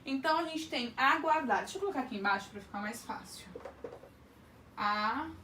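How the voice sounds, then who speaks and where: A woman's voice: high-pitched, lively intonation, quick pace, sharp tone, recorded from a distance, a little hiss or hum. A Brazilian woman teacher giving an online grammar lesson, explaining carefully and stretching words out to sound their syllables. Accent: Brazilian Portuguese. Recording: echoey room, voice off-mic.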